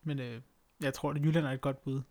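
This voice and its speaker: A man's voice: medium pitch, steady tone, a little mellow. A man chatting casually in an understated, matter-of-fact way with dry humour. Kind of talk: casual chat.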